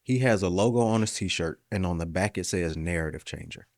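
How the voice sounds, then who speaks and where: Man, deep voice, dry close sound, animated motivational storyteller in casual podcast chat. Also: a little fast, no room sound.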